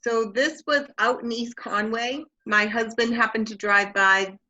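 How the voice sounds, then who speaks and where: A woman's voice: a little high, steady tone, a little slow, sharp tone. Chatty woman storyteller, video call, slightly dull lo-fi sound. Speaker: staff member sharing news. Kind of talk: casual video-call chat.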